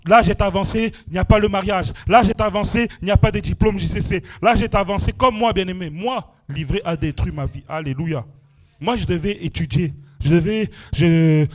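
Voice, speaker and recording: This young man from France has a high-pitched, slightly mellow voice. At a church prayer vigil he delivers a sermon testimony, exclaiming and dotting his lines with "amen" and "alléluia."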